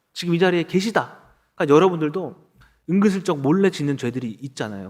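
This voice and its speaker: A man in his thirties preaching a sermon as pastor, acting out quoted dialogue as he goes. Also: high-pitched.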